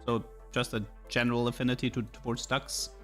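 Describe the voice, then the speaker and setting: A German-accented man from Germany talks in English through a live game stream, chatting casually and thinking aloud with lots of repeated words as music plays. His mid-range voice is monotone, fairly quick, and a bit bright.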